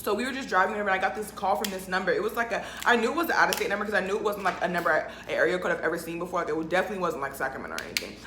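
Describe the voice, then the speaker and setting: A woman's voice: fairly low pitch, lively intonation, rapid-fire, hardly any pauses, roomy sound, background noise. A young woman telling a story casually while eating, chatty, with lots of "like" and frequent laughs. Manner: chatty, says "like" a lot, laughs often. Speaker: vlogger.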